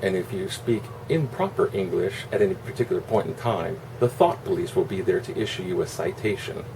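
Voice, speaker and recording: A man's voice: low-pitched, animated, fairly quick, gravelly, far from the mic. A man giving a casual, opinionated monologue in a rambling, sarcastic, salty way. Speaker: online video host. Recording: constant air-conditioner hum, noisy room.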